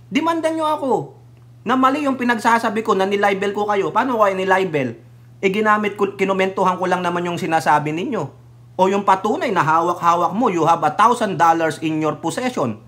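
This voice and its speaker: A commentator from the Philippines tears into opponents in a heated political rant. The delivery is combative and mocking, built on rapid rhetorical questions and blunt swearing. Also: mid-range voice, fairly bright tone.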